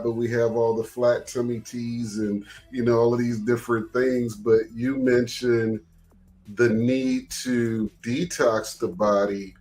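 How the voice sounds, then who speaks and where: Slow-talking male podcast host. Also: mid-range voice. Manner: slow, hesitant questions with many fillers. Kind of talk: casual interview talk.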